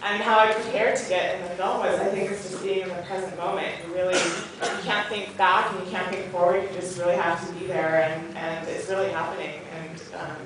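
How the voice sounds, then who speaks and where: At a movie theatre Q&A, a film actress talks candidly and earnestly about personal things, rambling a bit, in a lowish, fairly even voice at a fairly quick pace. She's far from the mic, so the audio is off-mic, echoey and noisy from the theatre.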